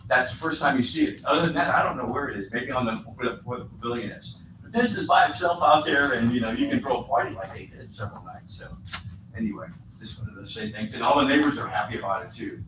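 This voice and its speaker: At a public comment session, a resident with a mid-range voice tells the board a rambling, chatty story at a quick pace, with lively laughter. The audio is echoey, distant and noisy, from a meeting room.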